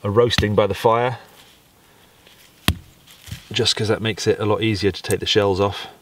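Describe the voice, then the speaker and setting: A tired man in his forties with an English accent talks casually to the camera while busy with his hands, low in pitch and wry about his own efforts. He is outdoors in woodland at night on a camera mic. A faint rumble sits under the voice. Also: normal speed. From England. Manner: relaxed, self-deprecating, talks while working with his hands. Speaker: bushcraft vlogger. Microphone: camera mic, close framing.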